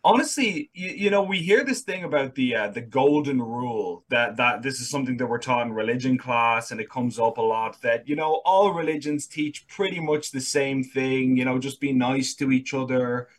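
A man's voice: mid-range voice, moderate pace, few pauses, rough recording. A young man with a Dublin accent, a political correspondent talking candidly as a guest, often restarting his sentences. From Ireland. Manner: earnest, candid, with frequent restarts. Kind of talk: casual interview.

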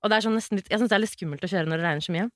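A woman's voice: mid-range voice, no echo, clean studio sound. A pregnant Norwegian woman hosting a podcast, telling a story in casual chat and acting out what people said. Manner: animated storyteller, acts out quotes, laughs often. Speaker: podcast host.

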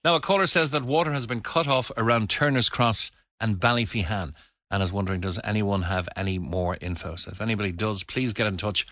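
Bright-voiced Irish man hosting talk radio, close and dry. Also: on the low side, a little fast, no room sound. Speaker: radio phone-in host. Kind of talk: conversational talk radio presenting.

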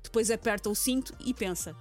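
Woman, high voice, European Portuguese accent, rapid delivery, wry radio comedy commentary. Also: a little mellow, soft background music. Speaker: radio humour segment presenter.

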